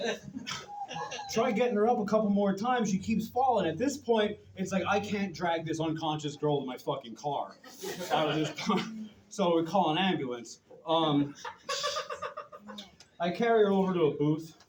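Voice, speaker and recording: A man's voice: high-pitched, moderate pace, long pauses. A young man doing stand-up on a club stage, telling a rambling, profane anecdote with chuckles. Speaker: stand-up comedian. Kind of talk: stand-up storytelling. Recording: roomy club with loud background noise.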